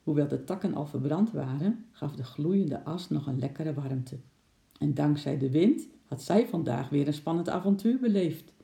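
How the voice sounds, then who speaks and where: A narrator reading a children's storybook aloud in a calm storytelling manner, with a roomy echo. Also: mid-range voice, normal speed, gravelly.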